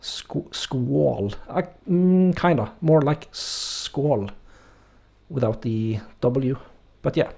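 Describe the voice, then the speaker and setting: A Norwegian-accented man streams a game and chats casually with viewers, his mid-range voice creaky and his words drawn out. He's relaxed but hesitant, using many fillers and reading the chat aloud during this let's-play.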